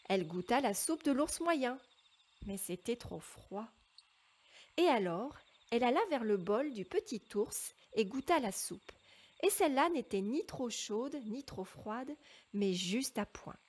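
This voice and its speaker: A woman narrating a children's fairy tale with slow, expressive storytelling. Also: on the high side.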